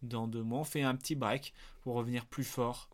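A man's voice: mid-range voice, normal speed, a crowd in the background. A man hosting a casual movie quiz podcast, teasing and joking with his co-host. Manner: teasing, jokey, lively swings in tone. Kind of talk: playful casual chat.

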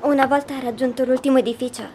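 An actress playing a young girl who calmly and quietly recounts a strange dream in an audio drama. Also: high voice, fast, slight background noise, close to an everyday voice. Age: child figure. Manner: calm, hushed storytelling.

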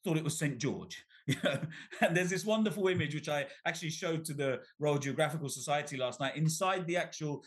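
A middle-aged man from Bangladesh, guesting as an author in an interview, speaks briskly in a fairly high voice. Animated as he shares his story, he keeps restarting sentences and repeating words.

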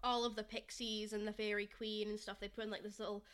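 A woman co-hosting a podcast in casual chat, animated and laughing often as she retells scenes. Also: mid-range voice, fast, clean tone. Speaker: podcast co-host.

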